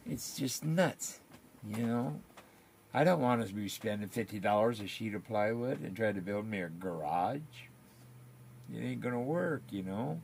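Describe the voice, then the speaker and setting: A man's voice: lowish voice, lively intonation, unhurried, vocal fry, a little mellow, a little hiss or hum. An older man, chatting casually and rambling in folksy, colloquial talk on his live stream.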